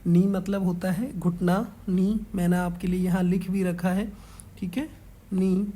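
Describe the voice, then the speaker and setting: Slow, patient woman teacher. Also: lowish voice, level tone, mellow, slightly rough. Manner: slow, patient, repeats "ठीक है" after each point. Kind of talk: online class lesson explaining a worksheet.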